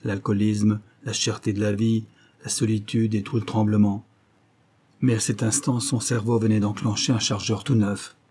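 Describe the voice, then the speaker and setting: Male audiobook narrator, low dark voice, measured and grave. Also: flat delivery, a little hiss or hum.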